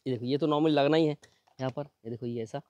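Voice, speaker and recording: A man doing a fast, chatty unboxing demo, pointing things out again and again as he shows each part. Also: medium pitch, a little mellow, dry recording, lo-fi sound. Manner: fast, chatty, repeats "ye dekho" constantly. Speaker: product reviewer. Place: at home near a building site.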